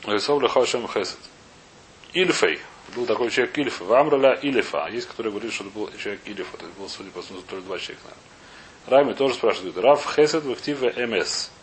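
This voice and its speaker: A man's voice: fairly low pitch, animated. Male teacher for an informal text lesson, reads then explains, gropes for words, poses questions; slightly noisy, hissy recording. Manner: halting, searching for words, questioning himself. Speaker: teacher of a Talmud class. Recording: clear background hiss and noise.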